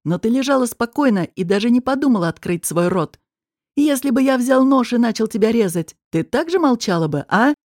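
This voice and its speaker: A woman reading an audiobook voices a domineering, menacing man who talks in a low, slow, mocking, threatening way. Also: animated, a little mellow, no echo, studio quality.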